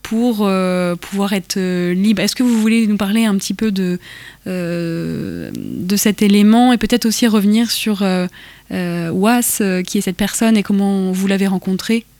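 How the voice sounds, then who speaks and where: Measured woman interviewer, dry sound. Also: medium pitch, animated, a little mellow, no echo. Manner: measured, hesitant with frequent fillers. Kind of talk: interview questions.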